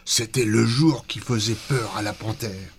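A man narrating a children's storybook in an expressive, dramatic read-aloud manner. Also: fairly low pitch, measured pace, a little hiss or hum.

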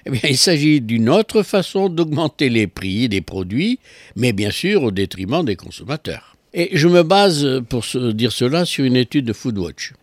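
A man's voice: medium pitch, sing-song, moderate pace, no echo, clean studio sound. A man giving a consumer affairs column on local radio, explaining with ironic asides.

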